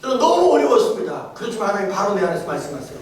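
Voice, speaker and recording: Male pastor, high voice, lively swings, testimony sermon, emphatic, booming church echo, distant mic. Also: racing. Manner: animated and emphatic, swings from shouts to soft asides, often laughs. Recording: echoey church hall, mic far off.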